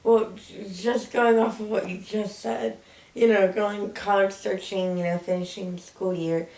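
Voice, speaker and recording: A teenage girl telling an anecdote in an animated, chatty way. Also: mid-range voice, measured pace, vocal fry, distant mic. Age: teens. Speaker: interviewee. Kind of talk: casual storytelling. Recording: echoey room, from the mic.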